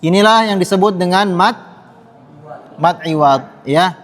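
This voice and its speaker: High-voiced ustaz teaching in a hall. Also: male voice, unhurried, fairly bright tone. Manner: patient, repeats sounds for the class to echo. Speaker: Quran recitation teacher. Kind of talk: classroom tajwid lesson. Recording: long reverb in a hall.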